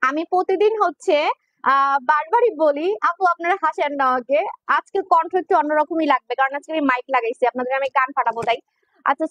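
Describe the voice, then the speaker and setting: A woman's voice: very high-pitched, no echo. A woman, hosting a casual livestream for her skincare shop, teasing and chatting directly with viewers through a clip-on mic. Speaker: online skincare shop owner selling on a livestream. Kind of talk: casual livestream sales talk.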